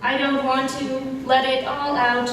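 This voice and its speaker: A woman playing an earnest, newly self-aware giant robot fiddle in a stage comedy, with slow, childlike, questioning delivery. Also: high-pitched, level tone, a bit bright. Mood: wondering. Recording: echoey noisy hall from far off.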